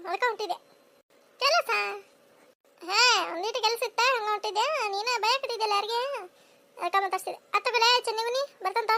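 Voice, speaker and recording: A voice actor playing bickering, nosy village women in a cartoon, with a North Karnataka Kannada accent and a sped-up, high-pitched voice. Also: pushed and bright. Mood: nagging. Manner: shrill, scolding, quick back-and-forth banter. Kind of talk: cartoon voice acting.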